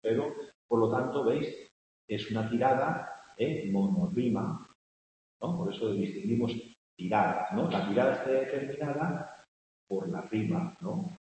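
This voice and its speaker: A man's voice: medium pitch, expressive, unhurried. A man, teaching a class on poetic meter and often asking "¿no?" to check his students are following. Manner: chants vowels loudly when scanning verse. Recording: echoey hall with faint hiss, mic far off.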